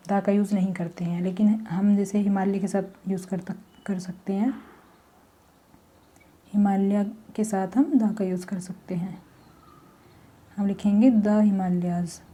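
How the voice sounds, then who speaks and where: A woman teaching a grammar lesson, slowly explaining step by step with examples. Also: mid-range voice, little pitch movement, warm tone.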